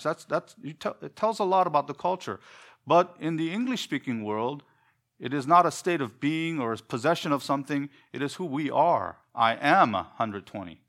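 Man, pastor, first language Korean, expository sermon, measured delivery, rhetorical questions, church. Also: medium pitch, fairly bright tone. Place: church sanctuary.

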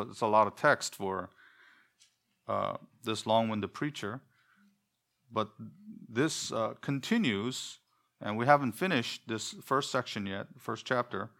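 A man whose first language is Korean, preaching an expository sermon in church with a measured, deliberate delivery and rhetorical questions. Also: lowish voice, gravelly, sharp tone. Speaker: pastor. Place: church sanctuary.

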